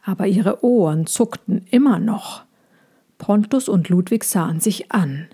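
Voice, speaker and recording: A woman reading a children's story aloud in a slow, hushed, suspenseful way. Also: mid-range voice, slightly rough. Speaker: narrator.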